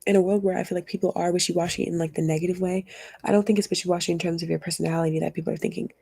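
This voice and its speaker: A young woman reading tarot chats and rambles casually, laughing often as she goes. Her low, dark voice has a husky, gravelly edge, holds a steady tone, and races along. The recording is dry and close, with no room sound at all.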